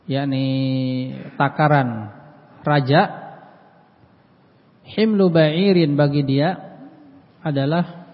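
A man giving a religious study lesson, reading Arabic passages and explaining them plainly, often repeating key words and clearing his throat. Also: mid-range voice. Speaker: Islamic study teacher. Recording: dull lo-fi audio with long hall reverb.

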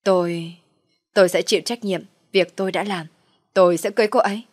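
A woman's voice: fairly low pitch, steady tone, fairly quick, no echo, clean studio sound, close to an everyday voice. A woman voicing a polite, gullible young man who stammers and speaks earnestly. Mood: hesitant.

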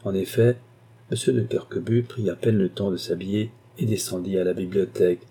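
Man reading a novel aloud, low mellow voice, bit husky, steady. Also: a little fast. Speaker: audiobook narrator. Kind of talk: scripted narration.

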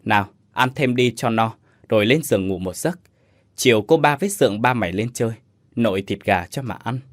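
Man reading as a kind old granny, soft and comforting, dry close sound. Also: fairly low pitch, lively intonation, fairly quick, no echo. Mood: fond. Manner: soothing, affectionate. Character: gentle old village grandmother.

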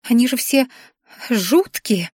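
Woman voicing a fussy hoofed governess creature, storybook figure, high fretful voice, gushing, dry close sound. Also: lively intonation, slow, a little mellow, husky, dry recording, full character voice. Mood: scandalized. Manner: gushing, shrill and dramatic.

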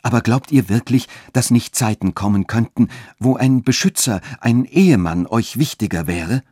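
A man's voice: medium pitch, expressive, moderate pace, darkish tone, husky, no room sound, studio quality, voice pushed up. A man voicing a passionate young lover who pleads fervently and urgently. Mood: pleading ardently.

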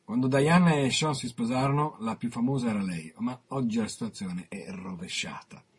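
Raspy-voiced guy reading his old magazine piece on the radio, slow and dramatic. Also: mid-range voice. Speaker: guest reading his own interview aloud. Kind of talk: reading prose aloud on radio.

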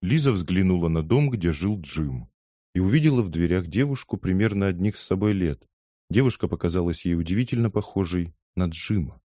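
A male narrator with a low, dark, mellow voice reads a novel aloud in steady, even storytelling. The recording is close and dry, with no room sound. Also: fairly quick, no room sound. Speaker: audiobook narrator. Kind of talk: scripted narration.

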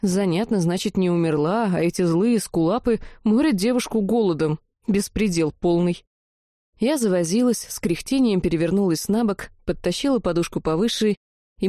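A woman reading a first-person fantasy audiobook in a wry, lively storytelling manner. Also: medium pitch, moderate pace, dry recording, clean studio sound. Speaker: audiobook narrator.

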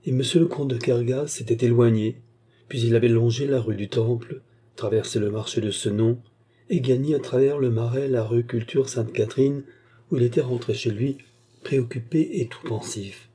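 Dark-voiced husky male narrator. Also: medium pitch, normal speed. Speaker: audiobook narrator. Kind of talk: scripted narration of a novel.

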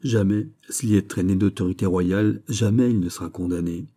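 A man's voice: low voice, dark tone. A man reading a cold calculating minister. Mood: guarded. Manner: measured, guarded and formal. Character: cold, calculating royal minister, greedy for revenge. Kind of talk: audiobook character reading.

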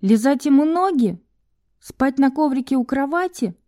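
A woman voicing a furious, foul-mouthed young woman who is trapped and defiant, swearing and sarcastic. She raises her voice high above her narrating tone. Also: lively intonation, normal speed, dark tone. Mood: mocking.

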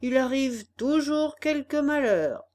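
A woman voicing a huge, stern old crab with a hoarse croaky voice, scolding slowly in a storybook reading. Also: animated, darkish tone. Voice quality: hoarse, croaky like a cold trombone. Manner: slow, booming scolding.

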